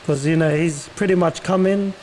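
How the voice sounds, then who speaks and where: A man's voice: a little high, moderate pace, darkish tone, poor audio. A man giving casual sports opinions as a panelist, in loose conversational phrasing. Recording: slight background noise.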